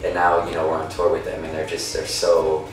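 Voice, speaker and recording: A man's voice: rumbling low, completely flat delivery, brisk, background noise. A man from Denmark, a band singer rambling loosely in a casual interview. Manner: rambling, full of restarts and fillers. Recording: echoey room from far off, music behind.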